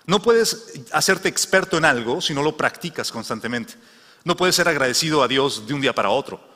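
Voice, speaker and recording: A man delivering a sermon, telling stories and circling back to repeat his phrases. His voice is bright and a bit high, and a long reverb trails after every word. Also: lively intonation, fairly quick. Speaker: preacher.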